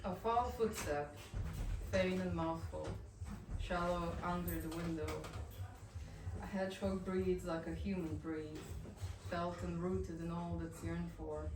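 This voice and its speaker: A woman poet from Bosnia reads at a café in a lowish, steady voice, her first language being Bosnian-Croatian-Montenegrin-Serbian. She is soft-spoken and halts between poems with fillers while giving spoken introductions. The room echoes widely, and the mic sits a bit far from her with noise in the background.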